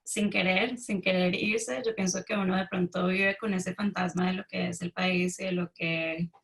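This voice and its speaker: A woman's voice: on the low side, fairly even intonation, moderate pace, gravelly. Thoughtful Bogotá woman. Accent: Bogotá Colombian Spanish. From Colombia. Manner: thoughtful, hesitant restarts. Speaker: writer guest. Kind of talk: reflective interview answer.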